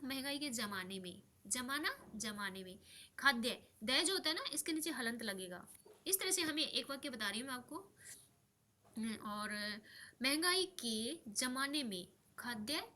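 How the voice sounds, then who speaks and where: A woman's voice: high-pitched, sharp tone. Young female Hindi tutor, tired late-night delivery, explains step by step, mixes English words, light hiss on the recording. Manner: patient, repeats words while spelling them out. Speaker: Hindi teacher. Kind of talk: explaining a practice paper step by step.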